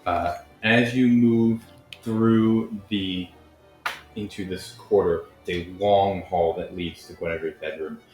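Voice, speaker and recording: A man narrating a tabletop game as game master, relaxed and descriptive with filler ums. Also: low voice, slow. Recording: echoey room with faint music.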